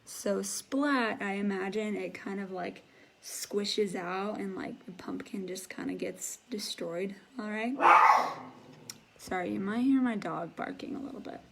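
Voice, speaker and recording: Slow-talking woman English teacher. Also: medium pitch, creaky, noisy background. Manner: patient, encouraging, imitates sound effects. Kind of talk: live online English class.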